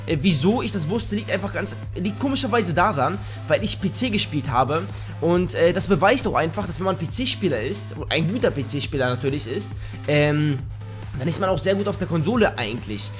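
Young man, live gameplay commentary, rambling and joking, sudden loud shouts, slightly high voice. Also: expressive, normal speed, soft background music. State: just woke up. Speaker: gaming YouTuber. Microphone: headset.

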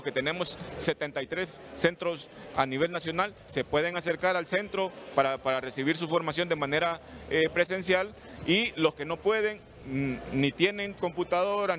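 A man's voice: a little high, a bit bright, slight background noise. A middle-aged man, answering interview questions earnestly, often restarting his phrases, into a handheld mic in a large hall. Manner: earnest, explanatory, with frequent restarts. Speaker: institute director being interviewed. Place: large indoor hall with murals. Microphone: handheld reporter mic.

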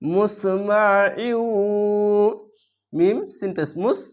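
Man patiently spelling out recitation. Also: high-pitched. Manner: spells each word letter by letter, then recites it slowly and drawn out; states reading rules briskly and repeats them. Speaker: Quran reading teacher.

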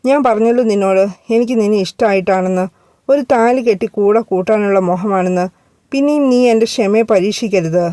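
A possessive young man speaks low and coaxing in a storybook reading, played by a woman narrator. The voice is mellow and smooth, recorded close and dry. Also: a little fast, dry recording, close to an everyday voice. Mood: menacing.

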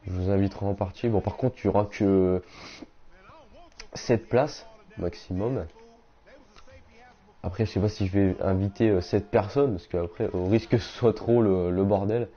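A young man chatting casually on a game live stream, reading out viewers' messages and answering them in slangy, relaxed talk. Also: fairly low pitch, normal speed, long pauses. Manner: slangy, reads chat aloud and answers viewers. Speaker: gaming streamer. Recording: dull lo-fi stream audio.

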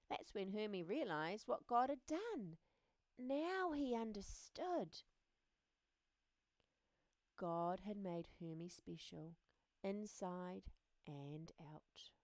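Expressive woman reading a picture book. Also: medium pitch, takes it slowly, dry recording. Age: adult. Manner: expressive, often drops to a soft hush. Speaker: reader.

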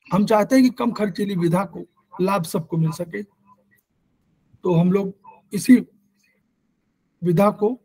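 Man hosting an online class, high voice, very formal welcome-speech way of talking. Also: dark tone, breathy edge, rough recording. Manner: formal, ceremonious phrasing. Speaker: class organizer and host. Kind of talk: formal introduction and class moderation.

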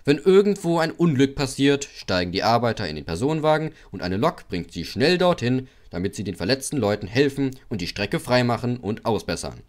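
Calm patient engine driver, man reading, explains slowly, storybook. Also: medium pitch, lightly acted. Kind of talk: audiobook character voice.

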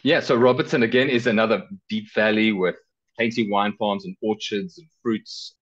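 This is a middle-aged South African man with a fairly low, steady voice that's a bit bright, talking at normal speed. As a travel guest and car rental company director, he keeps the interview casual. Sound comes from a video call headset and is slightly dull.

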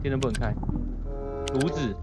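A woman's voice: a bass voice, normal speed. A woman streamer chatting casually as she plays a horror game. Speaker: gaming streamer. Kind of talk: casual chat while playing a horror game. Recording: dull lo-fi audio, game music behind.

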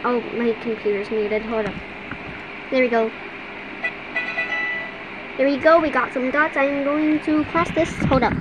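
A woman's voice: high voice, noisy background. A female gamer chatting casually and giggling as she plays, with lots of ums along the way, at home at her computer. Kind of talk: casual game commentary.

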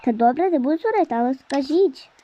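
A mother figure asks her children where they have been, then gives in, in a high and mellow voice, as a woman puts her on. The sound is dull and lo-fi, with faint music underneath. It is a game-play story voice. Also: lively intonation, fast talker. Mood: questioning. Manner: questioning then relenting. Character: mother questioning her returning kids.

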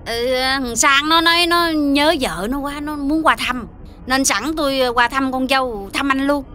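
Scheming middle-aged mother-in-law, high voice, wheedling, melodramatic pleading, TV drama. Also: measured pace, bright, forceful tone. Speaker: actress. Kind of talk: TV drama acting.

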